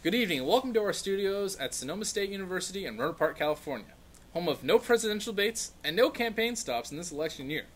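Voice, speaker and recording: A man's voice: high voice, expressive, fast, fairly bright tone. A man playing a smug, mock-earnest parody news anchor with an obvious bias in a scripted satire sketch. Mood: mock-formal.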